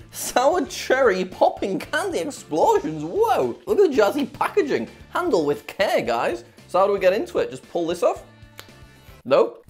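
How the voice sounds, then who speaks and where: A person giving casual, exclamatory reactions on a vlog while eating sour candy, giggly and dramatically complaining. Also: mid-range voice. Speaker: vlog presenter.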